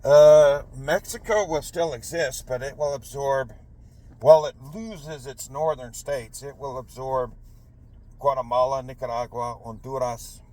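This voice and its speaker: A man's voice: medium pitch, measured pace, dark tone, poor audio. A man giving a rambling political monologue, often stopping to correct himself. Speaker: political commentator.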